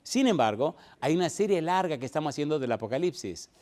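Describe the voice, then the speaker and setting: A man's voice: a little high, big pitch swings, quick pace, a little mellow. A middle-aged male pastor preaching a sermon, firing repeated rhetorical questions at his congregation and building to emphatic peaks.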